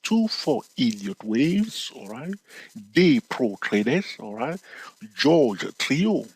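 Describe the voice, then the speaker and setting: Slow-paced with big pitch swings, a husky trading educator teaches a casual screen-share chart lesson in a dry, low-quality recording. He talks right to the viewers, checking in often with "okay?" and "all right?", teasing them playfully and raising his pitch abruptly to emphasize points.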